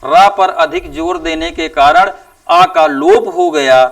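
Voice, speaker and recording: A male teacher giving a classroom lecture, speaking slowly and deliberately and drawing out example sounds with emphatic rises. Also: extremely high pitch, huge pitch swings, vocal fry, fairly bright tone, recorded from a distance. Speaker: Hindi teacher.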